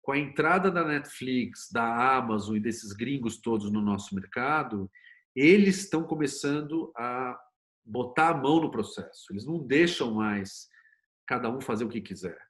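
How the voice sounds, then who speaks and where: Here a Brazilian man, a screenwriter and series producer being interviewed, speaks at normal speed with a medium-pitched voice. He explains conversationally and opinionatedly, animating his stories with rhetorical questions and acted quotations.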